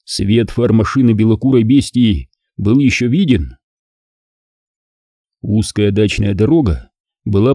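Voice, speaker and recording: A man reads a first-person audiobook with an animated, expressive delivery. His voice is mellow and darkish, moving widely in pitch. The sound is close and dry. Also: no echo. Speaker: audiobook narrator. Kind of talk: scripted first-person narration.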